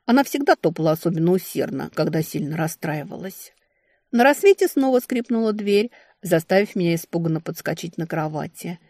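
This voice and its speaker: Expressive woman narrating an audiobook, dry. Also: on the low side, fairly quick, no echo. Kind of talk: scripted narration of a fantasy novel.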